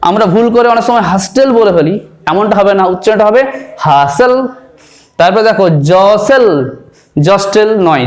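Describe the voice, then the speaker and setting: A man teaching English pronunciation, spelling words out letter by letter and repeating them slowly. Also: sits high. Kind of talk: explanatory spoken lesson.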